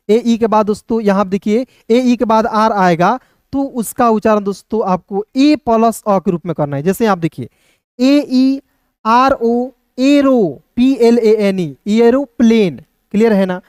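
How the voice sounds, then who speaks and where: A male teacher giving a pronunciation lesson, spelling out words slowly and checking often that students follow. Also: sits high, darkish tone, no room sound, studio quality. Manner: repeats words slowly, often says "dosto" and "clear hai". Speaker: English teacher.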